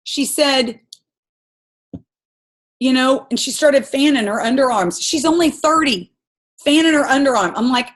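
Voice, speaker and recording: A woman's voice: sits high, measured pace, pauses often. A woman coaching her sales team on a group call, giving an impassioned, rambling pep talk full of stories.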